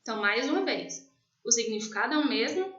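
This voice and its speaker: A woman's voice: fairly high pitch, lively intonation, a bit bright. Brazilian woman teacher, patient explainer, dull lo-fi sound. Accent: Brazilian Portuguese. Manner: explanatory, slows down to stress key terms. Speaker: English teacher. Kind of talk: classroom lesson explanation. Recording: echoey, distant, dull lo-fi.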